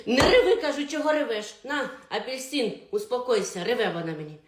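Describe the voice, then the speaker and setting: A woman voicing a gruff, brusque old grandmother who tells stories, in a comedy sketch. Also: on the high side, very animated, brisk. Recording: roomy echo.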